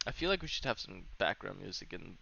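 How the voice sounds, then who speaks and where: A young man co-hosting a casual podcast over a voice call on a wireless headset, loud and jokey. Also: sits low, sing-song, fast, vocal fry. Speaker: podcast co-host. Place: at home on a voice call. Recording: muffled voice-call audio, faint noise.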